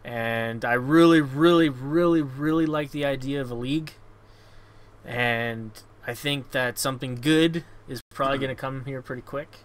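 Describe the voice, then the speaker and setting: A man's voice: medium pitch, fairly even intonation, moderate pace, a bit bright. A man hosting a casual gaming podcast, blunt and sweary, often repeating words as he goes. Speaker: show host.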